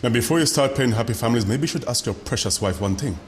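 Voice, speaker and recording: Guy acting cold, calm, measured, mid pitch voice. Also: a little hiss or hum, lightly acted. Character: cool, guarded man under accusation. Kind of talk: TV drama acting.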